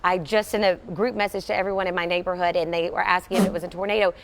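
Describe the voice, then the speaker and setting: A woman's voice: fairly low pitch, level tone, rapid-fire. A woman anchoring live severe weather coverage, giving earnest, emphatic warnings.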